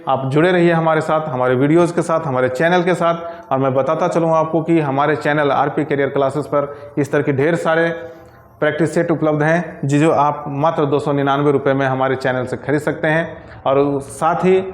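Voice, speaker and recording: A man's voice: on the high side, fairly even intonation, moderate pace, echoey room. A man tutoring Hindi grammar, working through exam questions one by one and reading each correct option aloud. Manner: methodical, repeats answer options aloud.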